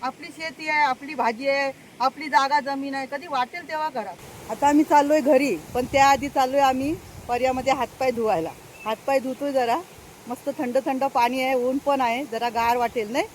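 Chatty older woman, high voice. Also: fairly even intonation, moderate pace, slight background noise, rough recording. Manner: chatty, keeps addressing viewers, laughs often. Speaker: farm vlogger. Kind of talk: casual vlog chat. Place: outdoors on a rural farm path.

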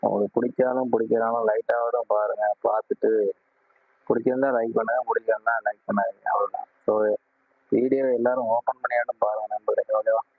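A man hosting a casual live stream, greeting viewers warmly and repeatedly asking them to like and subscribe. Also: medium pitch, flat delivery, brisk, breathy edge, dry recording. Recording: tinny phone-like sound.

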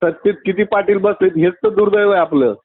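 A man's voice: high-pitched, steady tone, fairly quick, over a noisy crowd. A man from Maharashtra calling in to complain, persistent but polite, heard over a phone line. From Maharashtra, India. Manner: persistent, polite but critical, addresses him as sir. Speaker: caller.

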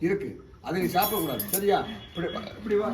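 A man's voice: high voice, expressive, fairly quick. Man, Tamil Nadu accent, exorcist, interrogating, commanding, echoey distant recording. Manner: interrogating, commanding, repeats sharp questions. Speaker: exorcist and spiritual healer. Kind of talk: exorcism ritual. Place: temple shrine. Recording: echoey room, far from mic, faint noise.

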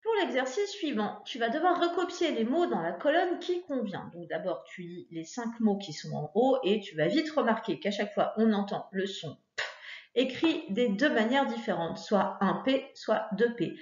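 A woman's voice: on the high side, animated, moderate pace, a little mellow. Patient woman teacher, echoey dull recording. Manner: patient, encouraging, with frequent fillers. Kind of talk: recorded lesson for young pupils. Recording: echoey room, dull lo-fi sound.

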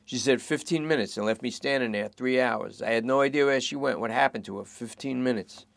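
A man reads aloud as a whiny junkie petty thief under arrest, pitching his natural, gravelly voice well above its usual level. The character pleads fast and nervously, rambling, self-pitying and talking over himself. The recording is dry and close, with no room sound.

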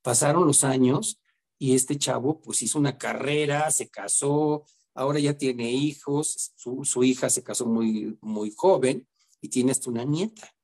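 Middle-aged man, therapist type, husky and mellow, earnest and reflective storyteller. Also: medium pitch, measured pace. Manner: earnest, reflective storyteller, often seeks agreement. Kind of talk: storytelling talk.

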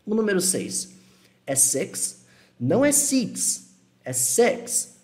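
A young man teaching an online lesson, relaxed and reassuring, repeating words slowly to model pronunciation. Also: high voice, over loud music. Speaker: English teacher.

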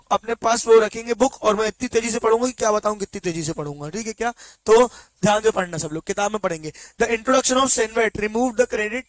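A male teacher giving an online exam-prep lecture, mixing Hindi with slow English read-outs and quizzing students with quick check questions. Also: sits high, no room sound.

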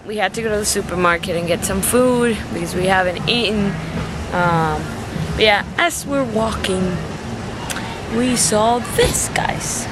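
A woman's voice: medium pitch, measured pace. A woman in her late twenties, half asleep, talking in a casual vlog and ranting in disbelief to her viewers. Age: late 20s. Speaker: vlog co-host. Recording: noisy handheld recording.

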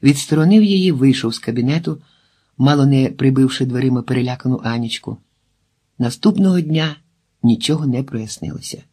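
A man reading a novel aloud as an audiobook narrator, in a calm, measured way that drops quiet at dramatic moments. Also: mid-range voice.

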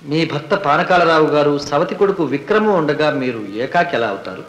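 In a 1970s Telugu film, an actor plays a sharp defence lawyer cross-examining witnesses with probing insistence. His male voice runs on the high side, animated and brisk, heard through an echoey old film soundtrack.

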